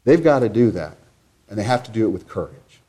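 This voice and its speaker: A man preaching a sermon in a church, earnest and emphatic, stacking repeated phrases and moving between loud proclaiming and low, quiet reflection. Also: expressive, brisk.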